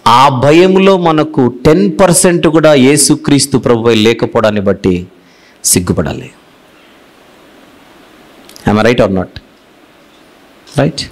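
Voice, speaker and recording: A man preaching a sermon with a Telugu accent, repeating phrases for emphasis and swinging between loud declarations and low, hushed rebukes. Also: a little slow.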